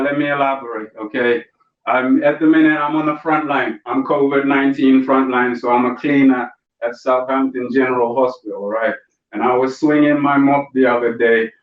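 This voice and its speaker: A man performing a stand-up comedy routine over a video call, telling stories with punchy asides to the audience. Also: mid-range voice. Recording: roomy, distant, dull lo-fi call audio.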